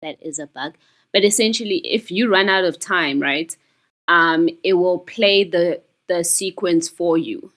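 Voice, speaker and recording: A woman's voice: lowish voice, a little slow, a bit bright. A woman game developer explaining her puzzle game in a casual chat, patiently, with many ums.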